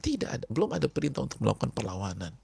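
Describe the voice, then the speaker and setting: A man preaching a sermon to a congregation, speaking emphatically and repeating key words, often dropping to hushed tones. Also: medium pitch, sing-song, very fast, gravelly, breathy edge, dry recording. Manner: addresses the congregation directly. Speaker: Islamic preacher.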